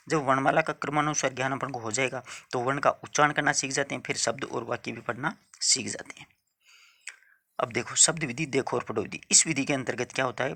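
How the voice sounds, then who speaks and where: A teacher gives an exam-prep lecture in a bright, forward, middle-pitched voice. He walks through each point step by step, repeats it, and makes sure the students are following.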